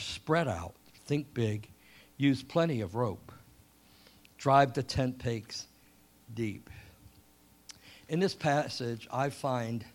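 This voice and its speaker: This sermon comes from a middle-aged Englishman speaking at medium pitch. He brings animated storytelling to his preaching, returns to the same points repeatedly, and stretches out his scripture readings slowly.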